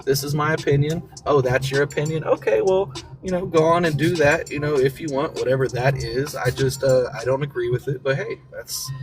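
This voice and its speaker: The recording is rough, with music in the background: a man from the American South, Mississippi and Florida, hosting a casual motivational livestream while commuting in a vehicle. This talk show host's voice sits on the high side and moves briskly, full of encouraging slang and repeated phrases.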